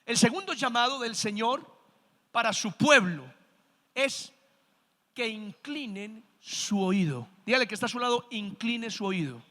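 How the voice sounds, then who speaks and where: A man's voice: very high voice, animated, measured pace, sharp tone. A man pastor delivering a sermon, preaching with rising emphasis and calling the congregation to say amen, in a church sanctuary. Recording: long church hall reverb.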